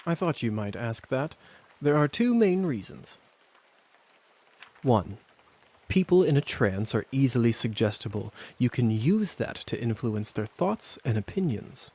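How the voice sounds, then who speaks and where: A man's voice: mid-range voice, sing-song, measured pace, darkish tone. An actor playing an easygoing male vampire mentor in a video game, coaxing and conversational, casually reassuring. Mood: sly, coaxing. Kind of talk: scripted game dialogue.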